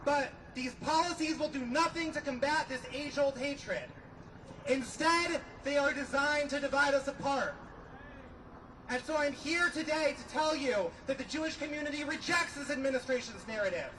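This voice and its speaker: A young man giving an impassioned podium speech as a student at a rally, speaking in a deliberate, emphatic, declamatory way. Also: very high-pitched, background noise. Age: young adult.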